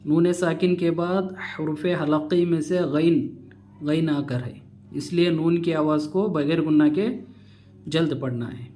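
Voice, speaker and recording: Slow-spelling male Quran reading teacher. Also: a little high, fairly even intonation, warm tone. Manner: spells letters and vowels aloud, then explains rules briskly. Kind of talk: slow spelled-out recitation lesson.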